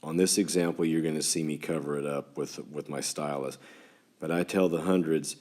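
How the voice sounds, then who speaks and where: Very deep-voiced man with West Texas twang. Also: steady tone, moderate pace, a little mellow. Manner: folksy, talks as if to a class of children. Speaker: school teacher. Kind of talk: instructional math lesson for students, informal.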